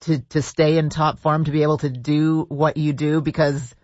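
A man's voice: on the high side, flat delivery, moderate pace, a little mellow, no echo, dull audio. A male radio host asking friendly, chatty interview questions.

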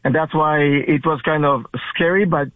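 A man from the Dominican Republic, an umpire, giving a halting, earnest account as a radio phone guest. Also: on the high side, fairly even intonation, no room sound. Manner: halting, many restarts, earnest. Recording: tinny phone line.

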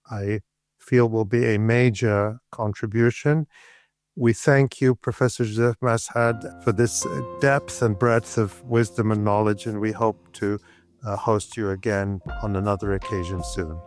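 Male host, formal and deferential, crisp mid-range voice, measured delivery. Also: mid-range voice, dry recording. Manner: courteous, deferential. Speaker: interview host. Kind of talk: measured, formal interview sign-off.

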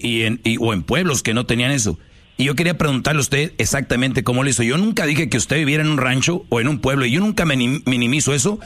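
A male phone-in talk show host takes calls in a medium-pitched, fairly bright voice. He's opinionated, informal and direct, speaking in street slang and ready to push back bluntly and confrontationally.

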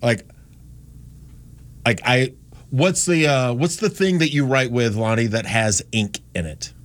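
A radio show host from North Carolina speaks a little slowly in a medium-pitched voice without a strong accent. His casual broadcast talk is chatty and wandering, and he keeps restarting and correcting himself.

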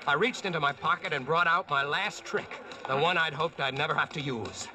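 A man's voice: fairly high pitch, brisk, close to an everyday voice. An actor playing a brash, wisecracking American who narrates his own adventure in a slangy, cocky way, in 1940s radio drama style.

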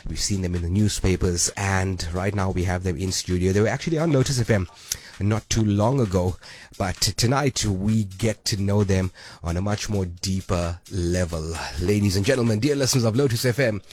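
A man's voice: sits low, darkish tone. A man hosting a radio show from the studio, upbeat and hyping his guests. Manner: upbeat, hyping, quick asides. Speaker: radio host. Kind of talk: lively radio presenting. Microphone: studio microphone.

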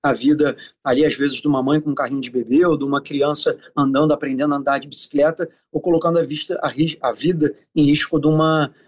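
Carioca guy, slightly high voice, explaining stuff in an interview like an official, lots of ums and stalls. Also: flat delivery, fast talker, few pauses, slightly rough. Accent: Carioca Brazilian. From Rio de Janeiro, Brazil. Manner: hesitant, repeats filler sounds while searching for words. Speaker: city official being interviewed.

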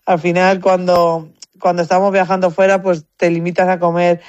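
In a muffled recording with no room sound, a woman delivers her words flatly at a moderate pace in a low, darkish voice. A competitive shooter from Spain with a Spanish accent, she chats casually and anecdotally as an interview guest, repeating words as she thinks.

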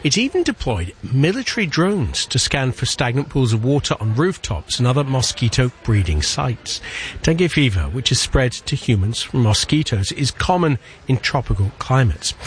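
A man's voice: medium pitch, very animated, moderate pace, slight background noise. A male news presenter reading scripted links and questioning a correspondent on the radio. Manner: smooth, scripted delivery.

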